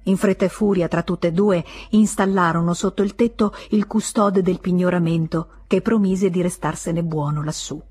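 Husky-voiced woman reading a novel aloud. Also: on the low side, fairly even intonation, normal speed, few pauses, a little mellow. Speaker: audiobook reader. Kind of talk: scripted literary narration.

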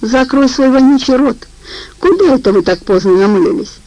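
A woman reading an audiobook, voicing a gruff, sleepy young male guard who swears roughly. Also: medium pitch, measured pace, a little mellow, highs cut off. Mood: angry, crude.

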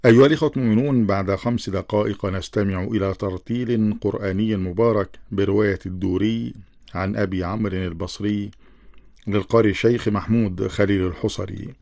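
A male radio announcer with a low, gravelly voice presents the next program in a formal broadcast tone. The sound is dry and close. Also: fairly even intonation, brisk, a little mellow, no room sound. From Egypt. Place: radio studio.

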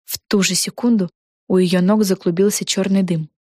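A woman's voice: medium pitch, moderate pace, no echo, clean studio sound. Woman reading a children's story aloud. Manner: even, storytelling. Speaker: audiobook narrator. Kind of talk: scripted narration of a children's book.

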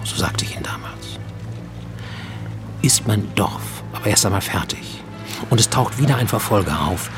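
In a German radio drama monologue, a male actor with a fairly low, natural voice plays a fugitive Japanese man in Mexico who works as a makeshift healer and tooth-puller and dreams visions. Addressing a listener intimately and deliberately, he moves from pensive and insistent to solemn and hushed, dropping to whispers.

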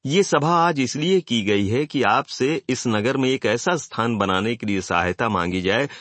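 A man voicing a young woman who pleads gently and tremblingly before an angry crowd in an audiobook. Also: medium pitch, lively intonation, measured pace, no echo. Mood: pleading.

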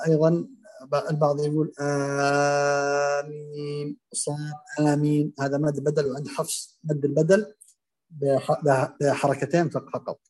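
A man teaching Quran recitation, explaining and demonstrating common pronunciation errors in a halting, filler-heavy way. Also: fairly high pitch, a little mellow. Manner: hesitant, many fillers and restarts, demonstrates pronunciations aloud.

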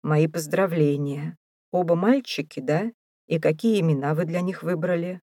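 A woman voicing a wry, brisk middle-aged male priest in an audiobook, dry and matter-of-fact. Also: low-pitched, mellow, no room sound.

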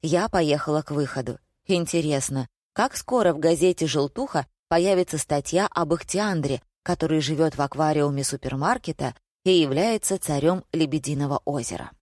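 A woman reading a comic story aloud in a lively, ironic manner. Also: low-pitched, moderate pace, few pauses, no room sound, clean studio sound. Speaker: audiobook reader.

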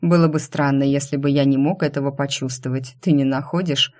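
A woman reading the lines of a calm, mocking male vampire boss in an audiobook, in a dry, unhurried, teasing manner. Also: rumbling low. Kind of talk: audiobook character voice.

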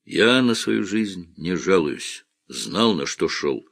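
A man voicing a hard, boastful middle-aged man who talks gruffly with swagger, in a story reading. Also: deep voice, very animated, slow, a bit bright, dry recording, clean studio sound, heavily acted. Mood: grim.

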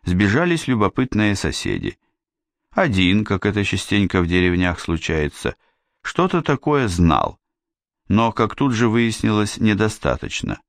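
A man voicing a confident male king who speaks softly and teases gently, in an audiobook reading. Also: fairly low pitch, sing-song, measured pace, gravelly, dry recording, clean studio sound, voice pushed up, heavily acted. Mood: wry. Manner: soft, gently teasing. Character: calm wry male king, confident ruler.

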